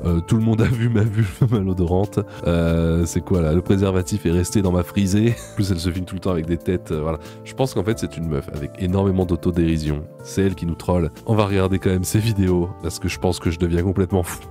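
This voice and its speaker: Deep, dark-voiced man mocking deadpan. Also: fast talker, soft background music. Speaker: reaction video host. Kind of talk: sarcastic commentary.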